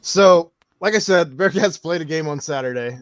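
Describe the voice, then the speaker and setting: A man hosting a casual sports podcast, steering the talk from topic to topic in a relaxed, conversational way. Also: fairly high pitch, normal speed, dry recording. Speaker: podcast host.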